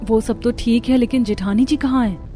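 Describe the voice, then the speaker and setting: Higher-voiced woman voicing cartoon dialogue. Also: normal speed, mellow, faint music behind. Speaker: voice actor for several family characters.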